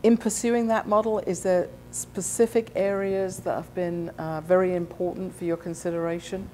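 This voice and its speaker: A woman interviewing a student, asking questions in a friendly, halting way with many fillers. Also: on the low side, flat delivery, darkish tone, a little hiss or hum.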